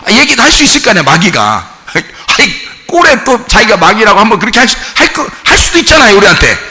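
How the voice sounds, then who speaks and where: A male pastor preaching an emphatic sermon in a church, firing off rhetorical questions and often shouting. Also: high voice, big pitch swings, fast talker, long reverb tail.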